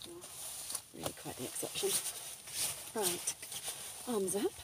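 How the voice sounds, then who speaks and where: A woman playing a flirty, teasing female doctor in a soft ASMR role-play, coy and playfully bossy. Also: lowish voice, big pitch swings, measured pace, recorded from a distance, very noisy.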